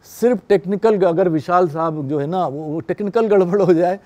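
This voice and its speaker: Mellow-voiced man giving a classroom lecture. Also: high voice, moderate pace. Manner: explanatory, checks in with listeners often. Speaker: radio production instructor.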